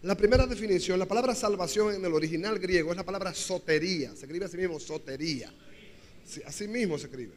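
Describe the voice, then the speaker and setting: A man preaching with a high-pitched voice, stressing his points through repetition and calling out for the congregation to answer. His sermon rings through a church hall with a long echo. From Dominican Republic. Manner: preaching with call-and-response to the congregation; repetitive, emphatic phrasing with shifting pace. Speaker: pastor.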